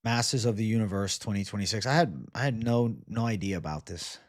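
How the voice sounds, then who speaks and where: Fairly quick and lowish in voice, a twenty-something man hosts a livestream, chatting casually with viewers and answering their comments in slangy, sweary bro-talk. It's a dry, studio-quality recording.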